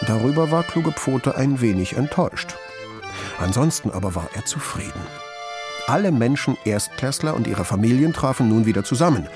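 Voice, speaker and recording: A man's voice: mid-range voice, lively intonation, moderate pace, music in the background. A man narrating a children's story expressively. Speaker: audiobook narrator.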